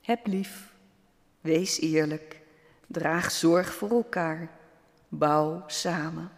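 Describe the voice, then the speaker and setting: Storybook pebble, gentle and wise, soft-spoken, slow, played by a man, hall reverb. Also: a little high, slight background noise. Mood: calm, gentle. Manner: soft, calm, quietly persuasive.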